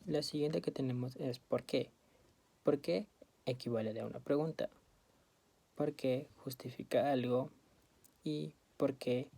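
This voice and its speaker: A woman reading study notes aloud as a student presenter, in a steady, list-like way. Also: very deep voice, moderate pace, gravelly, husky.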